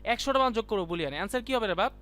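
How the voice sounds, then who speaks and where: A man teaching a class in a casual, chatty way, quizzing students by name and often wrapping up points with a quick "done". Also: high-pitched, expressive, pushed and bright, a little hiss or hum. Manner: colloquial, keeps saying "done" and "see". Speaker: ICT teacher. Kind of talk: casual live class lecture.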